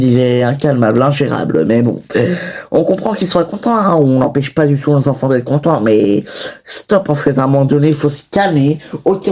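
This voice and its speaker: Woman voicing a weary mother, low and mellow. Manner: rambling, many fillers and restarts. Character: tired mother of a big family. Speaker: voice actor for a toy-figure series. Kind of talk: improvised home-video voice acting.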